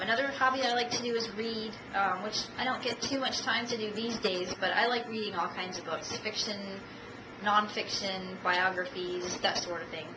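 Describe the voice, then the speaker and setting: A woman in her thirties from the United States giving a self-introduction speech for a class, measured and dotted with ums and uhs, recorded on a camcorder. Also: mid-range voice. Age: 30s. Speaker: student. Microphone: camcorder at a distance. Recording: echoey room, distant camcorder, audible noise.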